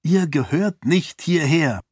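A man's voice: a little high, animated, slow, darkish tone, no room sound, clean studio sound, pitched above the performer's own voice, exaggerated voice. A man voicing an earnest young prince. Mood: urgent. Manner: urgent, forced gruffness at times. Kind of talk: audiobook character voice.

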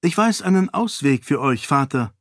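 A man's voice: mid-range voice, sing-song, moderate pace, dry recording, clean studio sound, voice pushed up. A man voicing a self-assured young princess who speaks frankly and cuttingly in a storybook reading. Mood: cool.

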